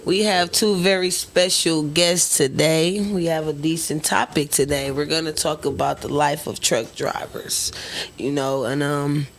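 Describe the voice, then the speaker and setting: A man's voice: on the high side, fairly even intonation, a little slow, gravelly, a bit bright, slight background noise. A man hosting a casual interview in informal, slangy talk. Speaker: interview host.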